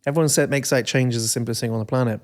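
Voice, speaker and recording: A man's voice: mid-range voice, steady tone, very fast. A man co-hosting a podcast, talking reflectively about change and teasing his co-host. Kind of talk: casual chat.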